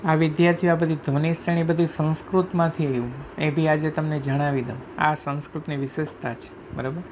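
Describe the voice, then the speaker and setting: Teacher checking "right?" often. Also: male voice, on the high side, fairly even intonation, background noise. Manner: repeatedly checks understanding with "right?"; spells out letters slowly one by one. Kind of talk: classroom lecture explaining Sanskrit phonetics.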